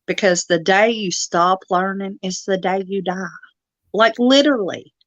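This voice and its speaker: A woman's voice: mid-range voice, unhurried, no echo. Chatty Southern-speaking woman, lo-fi. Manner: chatty, laughs often, Southern turns of phrase. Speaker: live stream host. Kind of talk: casual live stream chat. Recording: dull lo-fi dry sound.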